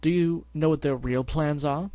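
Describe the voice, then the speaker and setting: A man voicing a pompous, well-spoken gentleman pony in a storybook reading, with prim, formal, wordy speech. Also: a little high, steady tone, moderate pace, no room sound, natural voice. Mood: indignant.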